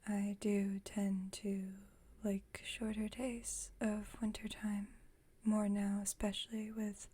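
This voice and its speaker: Here a woman plays a calm, dry-humored vampire roommate, centuries old, for an ASMR roleplay. Her medium-pitched voice comes as a slow, soft, breathy whisper, and her wording is gentle and a touch formal. She sounds calm and reflective.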